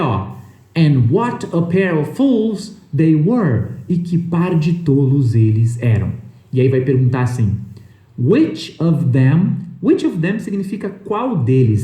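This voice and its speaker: A man's voice: on the high side, warm tone, reverberant. A man teaching an English lesson, explaining patiently and repeating each point, with frequent checks that the listener is following.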